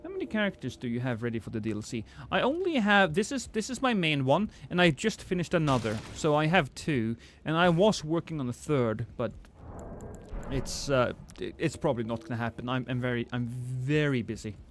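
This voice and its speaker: Brisk and swinging widely in pitch, this mid-range male voice comes from a Norwegian gamer with a lightly British-flavored accent. He casually chats on his livestream and reads chat, self-deprecating and frequently restarting, over slight background noise.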